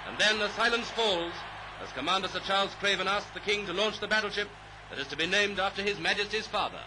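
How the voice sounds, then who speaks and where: A man with a high-pitched voice speaks quickly over background noise, delivering formal, clipped 1930s newsreel narration in an upbeat, declamatory style. It comes from an old newsreel soundtrack with orchestral music playing behind him.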